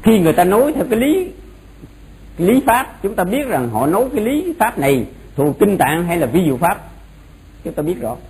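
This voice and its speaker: A man's voice: sits high, sing-song, a little fast, darkish tone, low-quality recording. A man giving an informal explanatory religious lecture, often repeating phrases for emphasis. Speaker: Buddhist monk teaching a doctrine class. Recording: noticeable background noise.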